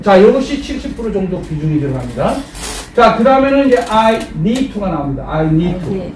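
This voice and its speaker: Man teacher running call-and-response English drills, high voice, roomy distant sound. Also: sing-song, darkish tone. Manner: repeats English phrases slowly, cues class with "start". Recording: echoey room, distant mic, faint noise.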